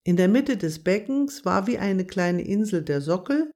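Gentle storybook narrator. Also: medium pitch, lively intonation, normal speed. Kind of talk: storybook reading for children.

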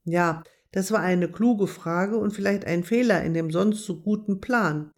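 A gentle storyteller reading a children's story aloud. The delivery is measured and calm, with a middle-range voice. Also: medium pitch. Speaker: narrator.

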